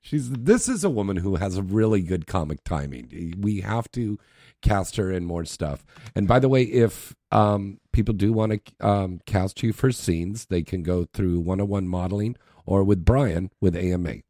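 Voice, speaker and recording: A man with a fairly low voice hosts a casual interview. He talks informally and prompts with questions, and the sound is dry with little room. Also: animated, normal speed, mellow, no echo. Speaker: interview host.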